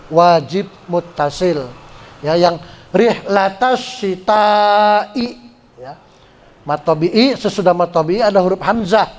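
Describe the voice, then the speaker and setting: Guy teaching quran reading, slow and patient, keeps saying "ya", high voice. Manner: slow, patient explaining with frequent "ya" check-ins; demonstrates pronunciation by chanting drawn-out syllables. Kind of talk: tajwid lesson at a religious study gathering.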